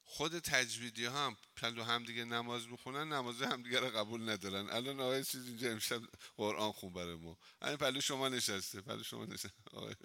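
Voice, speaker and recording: A man's voice: medium pitch, hardly any pauses, bright, forceful tone. A man, a cleric, giving an informal religious lesson in a mosque, talking conversationally and telling humorous anecdotes.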